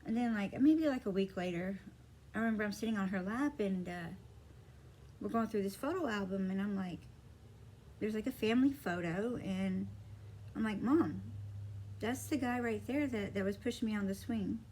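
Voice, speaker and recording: A woman with a mid-range, darkish voice at normal speed vlogs on a rough recording with slight background noise. She tells a rambling childhood story to camera, packed with fillers, acting out the dialogue.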